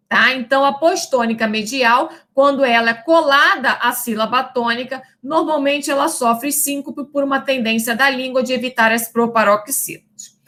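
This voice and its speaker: A woman teacher lectures in a high, clear, bright voice. She explains step by step, often pausing to check understanding, and slows right down to draw out the words she uses as examples. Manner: didactic, checks in with "né?" and "tá?"; stretches out example words slowly. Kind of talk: recorded lecture.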